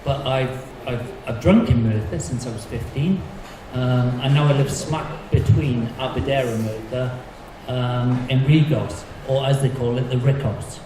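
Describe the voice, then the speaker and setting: A man's voice: medium pitch, measured pace. A man from the South Wales Valleys with a Valleys accent, talking informally as a candidate at a hustings. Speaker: election candidate. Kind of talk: informal answering at a public hustings. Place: indoor public meeting hall. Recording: very echoey, distant, noisy hall.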